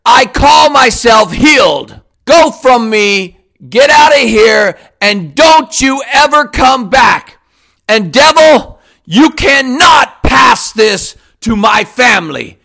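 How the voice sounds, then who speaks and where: Male, very high voice, slow and bright, commanding prayer declarations. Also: expressive, creaky. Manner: commanding, forceful, repetitive declarations.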